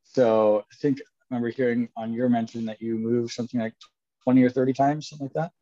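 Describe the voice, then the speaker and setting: A man's voice: mid-range voice, steady tone, fast, warm tone. A man in his thirties, an entrepreneur guest chatting casually, upbeat and joking. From Canada. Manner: upbeat, joking, laughs often. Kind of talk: casual interview chat. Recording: dull lo-fi sound.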